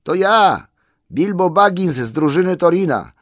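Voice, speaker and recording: A man's voice: mid-range voice, sing-song, a little slow, no room sound, clean studio sound, pitched above the performer's own voice. A man voicing a small, dazed and wounded male hobbit in a storybook reading, in a raised, strained, plaintive tone. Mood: calling out. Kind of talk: audiobook character voice.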